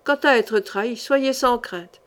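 A nervous, money-minded innkeeper, as a woman reader puts him on, fussing and exclaiming as he weighs his choices. Her voice sits a touch high for the part, the fretful tone carrying the comedy of an audiobook scene. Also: a little slow, natural voice. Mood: eager. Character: anxious, greedy male innkeeper, fussy and nervous.

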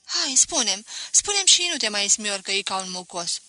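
A woman's voice: mid-range voice, big pitch swings, bright, forceful tone, no room sound. A woman reading aloud voices a sad but firm young woman, speaking with urgent, pleading emphasis. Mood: earnest.

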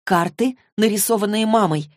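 A woman's voice: mid-range voice, moderate pace, dry recording, studio quality, pitched above the performer's own voice, natural voice. A woman voicing an anxious teenage girl who speaks urgently and pleadingly. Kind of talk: audiobook character reading.

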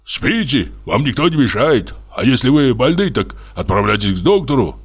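A man's voice: mid-range voice, big pitch swings, moderate pace, husky, voice pushed up. A man voicing a rude, dismissive male neighbor in an audiobook story. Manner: curt, dismissive. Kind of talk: audiobook character voice.

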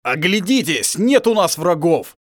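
A man's voice: fairly high pitch, expressive, normal speed, no room sound, clean studio sound, voice pushed up, natural voice. A man doing a steadfast werewolf warrior. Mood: fierce. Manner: firm, raised voice. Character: grave male werewolf warrior, calm and steadfast.

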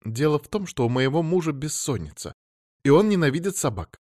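A man voicing an agitated woman phoning the police, talking fast and pleading, then furious. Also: a little high, very animated, darkish tone, dry recording, clean studio sound, voice pushed up. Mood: worried, rambling. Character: agitated middle-aged woman caller, shrill and indignant.

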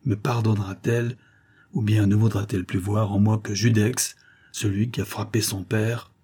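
A man's voice: fairly low pitch, level tone, moderate pace, warm tone, husky. A man reading as a proud, anxious young avenger. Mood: earnest.

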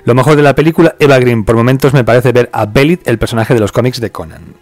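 A man's voice: medium pitch, quick pace, no echo, faint music behind. A man from hosting a casual podcast, chatting about a film and reading out listener comments. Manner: relaxed, chatty, laughs and swears now and then. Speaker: podcast host.

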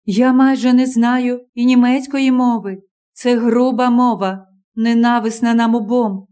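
A woman reading a gentle young woman singer. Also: fairly high pitch, fairly even intonation, a little slow, lightly acted. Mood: coaxing.

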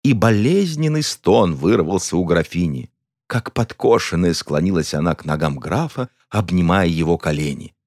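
Deep-voiced man narrating a comic tale. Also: moderate pace, no echo, clean studio sound. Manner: expressive, mock-dramatic. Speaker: audiobook narrator. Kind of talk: scripted narration of a comic story.

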